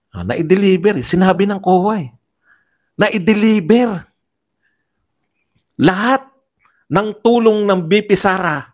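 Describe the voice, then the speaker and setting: Man, somewhat high-pitched voice, political vlog commentator, sarcastic, rhetorical questions, politely mocking. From Philippines. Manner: polite "po" markers while mocking opponents.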